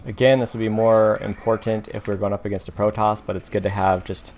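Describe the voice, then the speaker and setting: A man with a fairly low voice talks through a strategy game as he plays it. His commentary is casual and unhurried, half thinking aloud and half explaining to viewers. Keys clack now and then under his words. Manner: relaxed, self-talking, explains moves as he plays. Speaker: gaming commentator.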